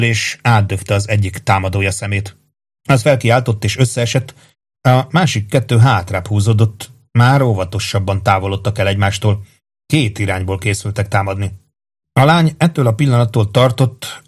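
A man reading a fantasy novel aloud in a measured, even storytelling manner. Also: on the low side. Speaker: audiobook narrator. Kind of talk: scripted narration.

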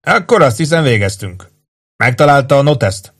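A man's voice: mid-range voice, big pitch swings, a bit bright, pitched above the performer's own voice. A man reading an audiobook voices a male lieutenant colonel who speaks in a formal, official tone.

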